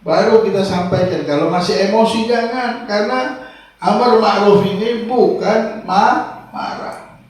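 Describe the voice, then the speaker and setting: Male preacher, slightly high voice, distant in a very reverberant hall; shifts from hushed to forceful. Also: a little slow. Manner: swings from soft low asides to loud raised exhortation. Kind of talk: sermon. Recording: echoey hall, voice from far off.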